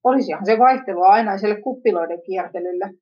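A woman reading a story aloud in a plain, steady manner with small slips. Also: medium pitch, breathy edge, dull audio. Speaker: narrator.

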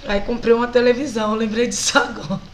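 Brazilian woman singer, Brazilian accent, a touch high-pitched; lively guest recounting her early career. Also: fast, a little hiss or hum, low-quality recording. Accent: Brazilian Portuguese. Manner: animated, laughs often while telling stories. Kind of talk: casual storytelling interview.

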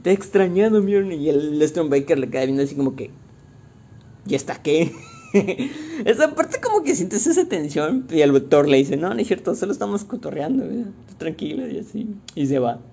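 Slangy young Mexican man, gravelly voice. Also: on the high side, moderate pace. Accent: Mexican Spanish. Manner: slangy, animated, laughs and acts out quotes. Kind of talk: casual movie recap.

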